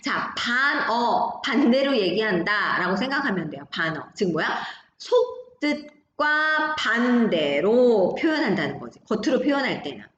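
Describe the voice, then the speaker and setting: A woman teaching a high school Korean class online, talking students through examples with frequent tag questions. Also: big pitch swings, measured pace, few pauses, a bit bright, reverberant, lo-fi sound, a little hiss or hum. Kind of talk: recorded online class lecture.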